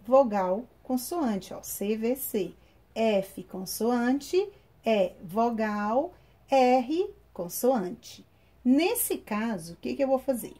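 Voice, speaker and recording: A woman teacher with a Brazilian Portuguese accent giving a recorded online class, spelling out grammar rules slowly and step by step. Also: a little high, dark tone. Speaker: English teacher.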